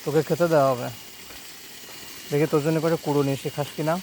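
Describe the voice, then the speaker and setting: A man's voice: a little high, steady tone, fast talker, a little mellow, slight background noise, rough recording. A young man with a Khulna Bengali accent, chatting casually as he walks outdoors through a village and coaxes the animals. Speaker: village vlogger. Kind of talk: casual walking vlog. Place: village outdoors, fields and pond.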